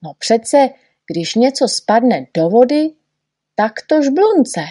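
A woman voicing a tiny, eager, boastful male know-nothing in a storybook reading, talking excitedly and bragging. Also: mid-range voice, husky. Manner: excited, shouty, quick to brag.

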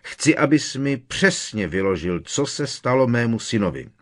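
A man voicing a blustering, bullying middle-aged uncle who barks and gloats loudly in an audiobook. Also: low voice, lively intonation. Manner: loud, barking and gloating. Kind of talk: audiobook character reading.

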